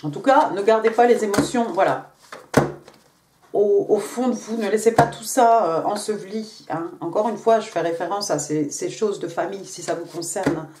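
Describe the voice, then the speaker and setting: A woman's voice: mid-range voice, normal speed, reverberant, noisy background. A woman with an English accent giving a casual tarot reading in French, chatty with frequent hesitations and restarts. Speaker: tarot card reader.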